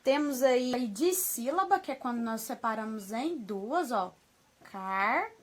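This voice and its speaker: A woman with a Brazilian Portuguese accent teaching young children a remote lesson, affectionate and patient, slowly sounding out words and checking in often. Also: fairly high pitch, animated. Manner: affectionate, slow syllable-by-syllable modeling, frequent "tá bom?". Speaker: primary school teacher.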